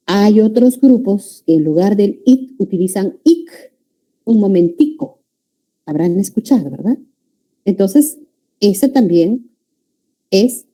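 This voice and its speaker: A woman giving a pre-university language lecture, often checking in with her students with a quick "ya?" or "no?". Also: mid-range voice, mellow. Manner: calls students "jóvenes", checks understanding with frequent "¿ya?" and "¿no?". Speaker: language teacher.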